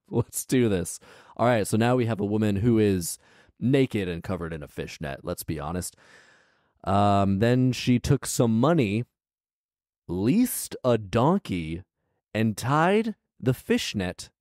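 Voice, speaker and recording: A man's voice: lowish voice, darkish tone, dry recording, studio quality. A man hosting a story podcast, giving casual comedic commentary in an incredulous, wry, slangy way with emphatic repeats. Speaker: podcast host reading and riffing on a fairy tale.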